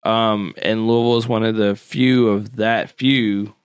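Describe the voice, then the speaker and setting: Laid-back man co-hosting a podcast, low-pitched and resonant, dry room. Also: fairly even intonation, unhurried, smooth, no echo. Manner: laid-back, explains history with slang and fillers. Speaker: podcast co-host. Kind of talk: casual podcast chat.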